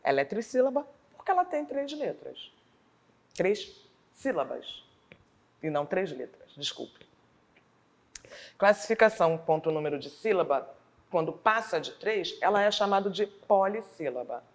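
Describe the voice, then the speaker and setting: A woman teacher from Brazil with a Rio de Janeiro accent, explaining a school lesson slowly and deliberately, sounding out words syllable by syllable. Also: on the low side, very animated. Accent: Rio de Janeiro Portuguese.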